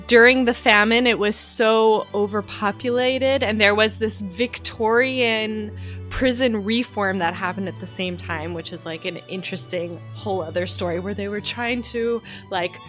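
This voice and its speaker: A woman's voice: medium pitch, normal speed, fairly bright tone, soft background music. A woman co-hosting a podcast, telling stories in a meandering way full of fillers. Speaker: podcast co-host. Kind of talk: casual podcast chat.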